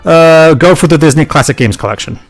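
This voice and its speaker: A man's voice: a little high, a little fast, faint music behind. A man hosting casual gaming commentary, often stammering and repeating his words.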